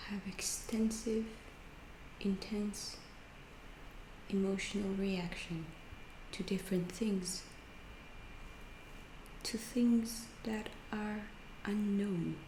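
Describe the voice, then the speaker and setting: Roomy echo and faint background noise surround a woman acting as an alien researcher in an ASMR roleplay. At medium pitch, she sounds calm and inquisitive, her soft, breathy voice frequently whispering. Each phrase comes slowly and haltingly, deliberate and clinically detached.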